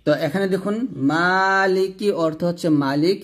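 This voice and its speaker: A man with a Bangladeshi Bengali accent teaching recitation step by step, spelling out letters and then chanting each word slowly and drawn out, with quick explanations in between. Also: high-pitched, fairly even intonation, a bit bright.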